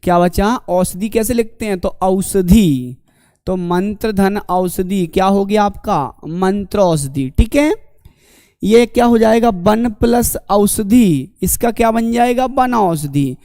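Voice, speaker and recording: A man's voice: sits high, a little slow, warm tone, dry recording, clean studio sound. A man teaching an online exam-prep lecture, asking the class questions and answering them himself, calling the students his dear companions.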